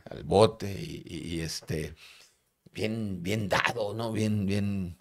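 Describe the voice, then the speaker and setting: A man with a Mexican Spanish accent, a podcast guest telling a personal testimony in a casual, slangy way, often repeating words as he goes. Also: on the low side. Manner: halting, with many repeated words.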